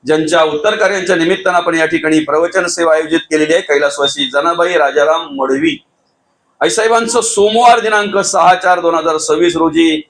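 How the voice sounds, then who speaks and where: High-voiced preacher man, emphatic. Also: brisk, rough recording. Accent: Marathi, rural Thane region. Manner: emphatic, rises to near shouts, calls listeners Mauli. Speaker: kirtankar preacher. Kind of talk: devotional sermon.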